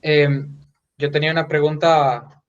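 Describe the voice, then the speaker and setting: A man's voice: a little high, flat delivery, measured pace, lo-fi sound. A male student asking a hesitant question in an online seminar, his voice faint because his mic is held too far away. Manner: hesitant, many fillers. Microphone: distant mic on a video call.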